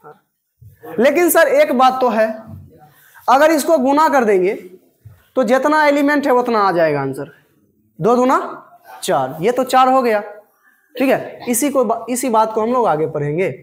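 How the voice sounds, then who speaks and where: A man's voice: extremely high pitch, sing-song, unhurried, pauses often. A man teaching a maths class, repeating terms word by word and often asking if the students have understood. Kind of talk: slow classroom lecture.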